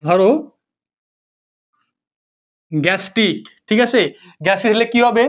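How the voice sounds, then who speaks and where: A man's voice: high voice, fairly quick, fairly bright tone. A young man teaching a casual spoken lesson, asking his students the same questions again and again. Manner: repetitive, drilling questions to students. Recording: dull lo-fi recording.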